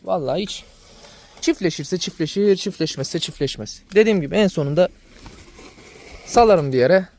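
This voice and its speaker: A man's voice: high-pitched, expressive, moderate pace, pauses often, darkish tone. A man vlogging to his viewers about his dogs, venting in an exasperated way and repeating himself. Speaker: dog breeder vlogger. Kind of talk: casual vlog talk to viewers.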